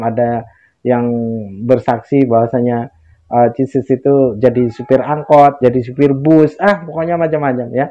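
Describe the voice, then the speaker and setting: A man hosting a channel, giving mocking commentary and often chuckling. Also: mid-range voice. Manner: mocking, laughs between phrases. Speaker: channel host. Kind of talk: commentary to camera. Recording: dull lo-fi sound.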